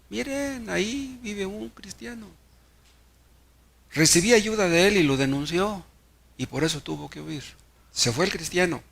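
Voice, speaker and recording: A man's voice: fairly high pitch, gravelly, a bit bright. A Mexican pastor preaching a sermon, telling stories and asking the congregation rhetorical questions, often repeating words as he restarts.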